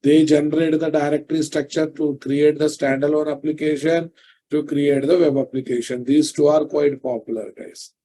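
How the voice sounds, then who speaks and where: A man's voice: fairly high pitch, level tone, moderate pace, warm tone. A middle-aged man with a Telugu Indian accent lecturing in a live online programming class, dictating notes and repeating phrases as he goes. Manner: repeats phrases while dictating, quizzes listeners. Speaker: programming instructor. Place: indoors, online class from a computer.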